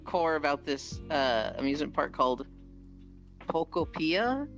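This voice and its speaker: A man's voice: a little high, a little slow, dull audio. A man chatting casually on a stream, telling stories and laughing often. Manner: animated, laughing storyteller. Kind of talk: casual chat. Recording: background music.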